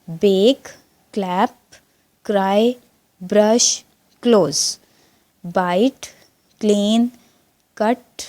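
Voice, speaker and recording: A woman with a Pakistani accent works through a school textbook exercise, reading each English line and then explaining it. Her delivery is very unhurried and her voice is mellow and warm, recorded close to the mic. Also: medium pitch. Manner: reads English lines slowly, then explains in Urdu. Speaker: teacher. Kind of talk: bilingual textbook lesson.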